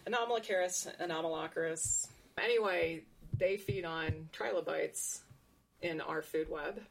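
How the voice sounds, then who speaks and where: A woman's voice: low voice, takes it slowly, gravelly. A woman researcher explaining her work in conversation, thinking aloud with frequent restarts and asides.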